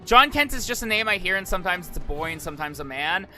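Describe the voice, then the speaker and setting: A man's voice: high-pitched, lively intonation, quick pace, bright, forceful tone, soft background music. A man streaming casual live commentary, rambling and hesitant, often repeating and restarting his phrases. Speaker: streamer, virtual YouTuber.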